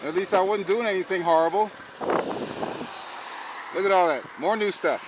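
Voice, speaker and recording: Man, higher-than-average voice, casual rambling vlog talk, outdoors on a ride, very heavy wind and vehicle noise. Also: normal speed. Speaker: vlog host. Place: outdoors, riding an electric two-wheeler. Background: loud wind and vehicle noise.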